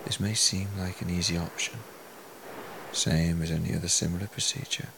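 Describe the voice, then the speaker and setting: A man speaking as a hypnotherapist, leading a guided relaxation in a soothing, deliberate way with hushed phrase endings. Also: low-pitched, steady tone, vocal fry, background noise.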